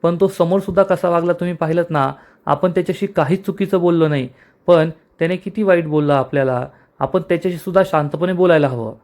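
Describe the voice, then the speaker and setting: A man's voice: a little high, fast talker, a little mellow, close to an everyday voice. A man voicing a feisty young wife. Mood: bantering. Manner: bantering, teasing. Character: feisty young village wife, quick-witted.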